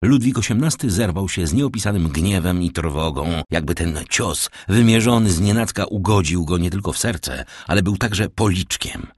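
A man narrating an audiobook in a measured, dramatic reading. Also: low-pitched, slightly rough, dry recording, studio quality. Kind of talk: scripted narration.

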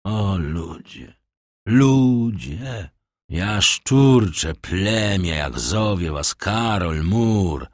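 A cold, sardonic count who lectures slowly and scornfully in a low, husky voice, as a male narrator reads him. The recording is dry and close. His lines carry a lively, sweeping pitch. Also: no echo. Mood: coldly scornful. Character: cold, sardonic aristocratic count, middle-aged man.

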